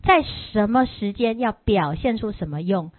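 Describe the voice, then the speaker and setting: Animated woman giving a dharma talk. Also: mid-range voice, unhurried, dry recording. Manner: animated, rhetorical questions to the audience. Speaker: Buddhist dharma teacher. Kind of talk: lively dharma talk with storytelling. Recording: tinny lo-fi, dry.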